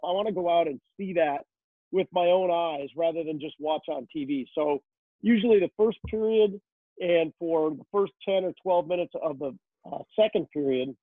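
A man telling behind-the-scenes stories as a rinkside hockey reporter, rambling and chatty with lots of fillers. His voice sits a bit high, and it comes through a thin, phone-like line. The sound is dry and close, with no room echo. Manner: chatty storyteller, many fillers. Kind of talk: casual interview answers.

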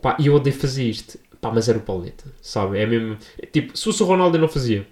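A young man with a European Portuguese accent rattling through a story for his vlog, slangy and animated, never sitting still in one tone. His voice sits at a middle pitch. The sound bounces around an echoey room. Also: quick pace. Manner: animated, slangy, jumps into high-pitched voices for quoted people. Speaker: vlogger. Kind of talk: casual storytelling.

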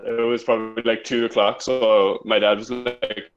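A man's voice: fairly low pitch, level tone, moderate pace, lo-fi sound, faint music behind. A young man, chatting casually on a podcast and laughing through rambling school stories. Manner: laughs often while telling stories, rambling. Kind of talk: casual chat.

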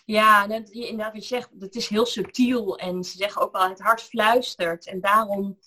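A woman's voice: medium pitch, steady tone, normal speed, sharp tone. A woman in her thirties, a yoga teacher talking as an interview guest, reflective and hesitant, with many fillers and restarts, over a video call. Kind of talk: reflective conversation.

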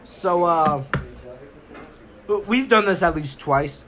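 A man's voice: high-pitched, expressive, slow pace, crowd noise. A young man hosting a casual podcast, swearing freely and rambling while hanging out at a backyard barbecue with friends. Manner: profane, rambling. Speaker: podcast host. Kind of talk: casual chat. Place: backyard barbecue, partly outdoors.

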